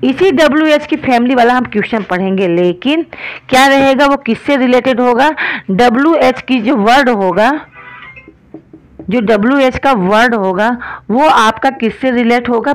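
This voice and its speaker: A woman's voice: on the high side, rough recording. Indian woman teaching grammar online. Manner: explains in Hindi, often asks if it is clear; slows right down to spell out example sentences.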